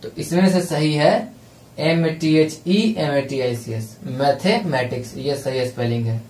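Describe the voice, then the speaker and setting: A man's voice: on the high side, darkish tone, distant mic. Man teaching in an echoey room. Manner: slow, spells words letter by letter; reads English passage slowly, drawn out. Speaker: exam prep teacher. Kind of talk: explaining lesson in Hindi with English terms.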